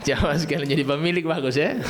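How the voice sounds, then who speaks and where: A middle-aged man giving a religious lecture, telling stories animatedly and acting out quoted voices. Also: medium pitch. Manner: animated storytelling with quoted voices and rising emphasis. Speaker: preacher.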